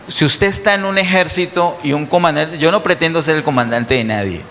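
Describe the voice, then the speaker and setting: A male preacher with a somewhat high voice delivers an emphatic sermon, firing rhetorical questions at his congregation. His voice rings with a long reverb through the church hall, and a faint room hum sits underneath. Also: fairly bright tone.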